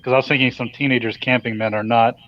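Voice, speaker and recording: A man's voice: mid-range voice, little pitch movement, quick pace. A man co-hosting a casual podcast chat, reacting with skeptical comments and chuckles. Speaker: podcast co-host. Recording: dull, lo-fi sound.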